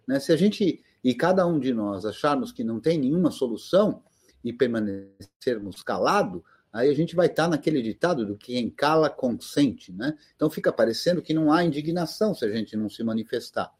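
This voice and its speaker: Husky man speaking with passion. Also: mid-range voice, expressive, a little fast, a little mellow. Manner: emphatic and impassioned. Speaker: guest panelist. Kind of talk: casual live-stream discussion.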